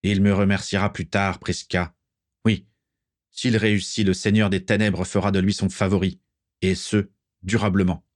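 A man's voice: deep voice, little pitch movement, normal speed, lightly acted. Man doing an old cane-leaning patriarch, harsh and scornful. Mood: weary. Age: older. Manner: harsh, contemptuous. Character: old wrinkled patriarch with a cane, furious and contemptuous.

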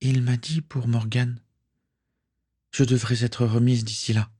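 A man voicing a tired young woman recovering from an injury, speaking softly in wonder. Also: mid-range voice, little pitch movement, a little slow, husky, dry recording, clean studio sound, pitched above the performer's own voice. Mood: dreamy. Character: young woman, tired but dreamily happy.

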